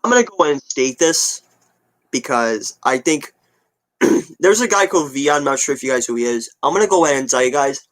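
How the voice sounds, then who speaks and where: This is a brisk, expressive man with a medium-pitched voice, twenty years old, casually chatting with his audience. As a video creator answering comments, he rambles and says things more than once in a relaxed, offhand manner.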